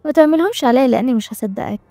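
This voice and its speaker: A woman reads as a cool, skeptical young heroine speaking with an Egyptian accent. The voice sits a bit high and moves fast, recorded close and dry. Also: animated, warm tone, dry recording. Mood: wry. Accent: Egyptian Arabic.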